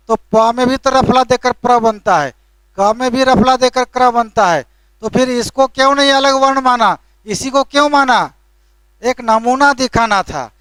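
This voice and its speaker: A male teacher lectures a classroom in a very high, bright and forceful voice. His tone is smooth and resonant, and the sound is dry and close. He explains patiently but scolds lightly, and keeps checking in with a tag question after each point. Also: no room sound.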